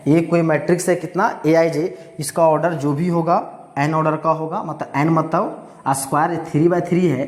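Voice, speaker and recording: A man's voice: a little high, a little mellow. A man teaching a math lesson, who keeps asking rhetorical questions and repeating key phrases, mixing with terms. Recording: echoey room with long reverb.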